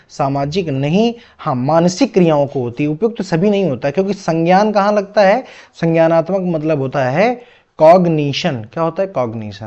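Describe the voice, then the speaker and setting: Lo-fi male teacher, fairly high voice. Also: darkish tone. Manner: explains patiently, asking and answering his own questions. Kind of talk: exam-prep lecture.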